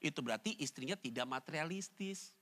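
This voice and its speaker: Male pastor, bright edgy voice, animated sermon, playful slang. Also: a little high, fairly quick. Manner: animated, jumps into loud character voices. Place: church online service.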